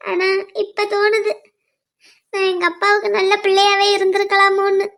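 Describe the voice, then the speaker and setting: A woman's voice: very high voice, monotone, moderate pace, fairly bright tone. A woman voicing a heartbroken cartoon girl. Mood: hurt, tearful. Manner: tearful, self-blaming pleading. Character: heartbroken young woman student in love. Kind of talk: cartoon voice acting.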